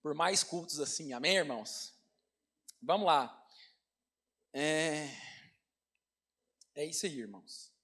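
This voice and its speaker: A man's voice: fairly high pitch, takes it slowly, long pauses. A man with a Brazilian Portuguese accent, a pastor preaching a storytelling sermon and calling out to the congregation as brothers. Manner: animated, addresses congregation as brothers.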